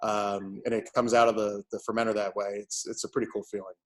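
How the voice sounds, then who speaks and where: A man's voice: lowish voice, flat delivery, fast talker. A man giving a casual interview as a brewery owner, talking in a loose, rambling, conversational way. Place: at his brewery.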